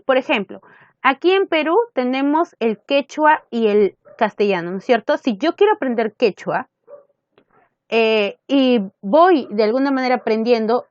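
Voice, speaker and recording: A woman's voice: a little high, no echo, highs cut off. A woman teacher with a Peruvian accent giving a recorded lesson, asking questions and answering them herself. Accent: Peruvian Spanish.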